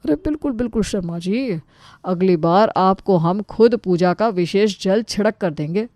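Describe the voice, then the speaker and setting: A woman's voice: medium pitch, moderate pace, darkish tone, dry recording, studio quality, close to an everyday voice. A woman voicing a flustered young man who keeps making placating excuses.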